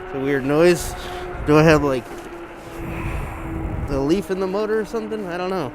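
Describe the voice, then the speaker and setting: A man's voice: a little high, lively intonation, moderate pace. A man speaking through a balaclava in a casual, hesitant bike vlog, thinking aloud as he rides, his voice slightly muffled. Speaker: bike vlogger. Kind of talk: casual vlog chat while riding. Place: outdoors, riding an electric bike on a trail. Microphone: gimbal camera or lapel mic with windscreen. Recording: outdoor wind, motor and traffic noise.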